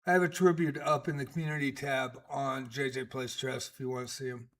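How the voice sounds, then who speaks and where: A man's voice: medium pitch, level tone, a little fast. A man in his sixties giving casual live-stream chess commentary, chatty and rambling with many fillers. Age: 60s.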